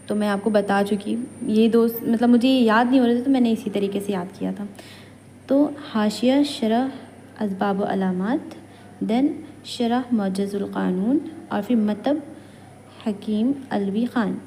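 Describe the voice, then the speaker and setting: Kashmiri-accented woman teacher, higher mellow voice, patient classroom lecture with long reverb and a faint hiss. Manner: patient, chatty teacher mixing Hindi and English. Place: college lecture room. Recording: hall reverb, faint background noise.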